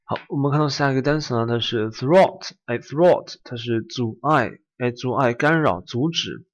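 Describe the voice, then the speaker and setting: A man teaching vocabulary in a lecture, repeating each word and often opening lines with a drawn-out filler. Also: medium pitch. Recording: dull lo-fi recording.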